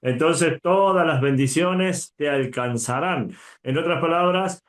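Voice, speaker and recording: A man's voice: on the high side, unhurried, roomy sound. A man giving conversational Bible teaching, earnest, often tagging his points with a questioning "right?". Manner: earnest, frequent "¿verdad?" tags.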